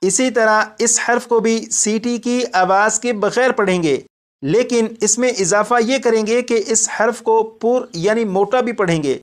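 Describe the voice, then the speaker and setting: Speaking in a high pitch, this teacher walks his class through Quran recitation, slowly enunciating the letters and patiently restating every point.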